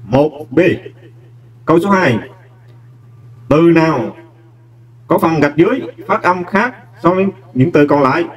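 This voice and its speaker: A man's voice: a little high, lively intonation, a little slow, long pauses, far from the mic, muffled recording. A man, a teacher walking students step by step through an English exam, speaking to them directly and kindly. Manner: explains step by step, addressing students warmly as "các em". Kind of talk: exam walkthrough lesson.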